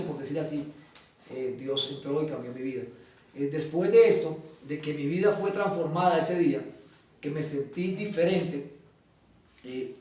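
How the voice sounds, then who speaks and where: High-voiced man telling his testimony. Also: darkish tone. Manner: earnest storyteller, acts out quoted dialogue, hesitant fillers. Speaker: guest giving testimony. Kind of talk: personal testimony in an interview. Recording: echoey room, mic at a distance.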